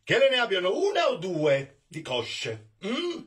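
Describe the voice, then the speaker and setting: A man's voice: sits high, wildly swooping pitch, unhurried, fairly bright tone, husky, voice pushed up, full character voice. A man reading a story aloud and voicing a proud, hot-tempered nobleman who threatens and mocks his servant. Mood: mocking. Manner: threatening, then mocking and laughing. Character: angry, proud male nobleman, a cook's master.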